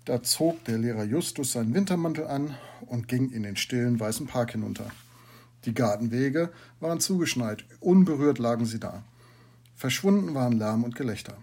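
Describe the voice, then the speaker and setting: Male narrator, calm storytelling, husky voice, audiobook reading. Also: mid-range voice, normal speed. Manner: calm storytelling, quieter for asides.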